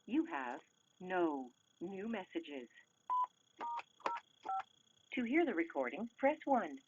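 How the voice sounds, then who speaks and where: A woman's recorded voicemail prompts giving measured, clipped instructions, heard over a landline phone. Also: lowish voice, big pitch swings. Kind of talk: recorded system announcements. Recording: muffled phone line, faint hiss.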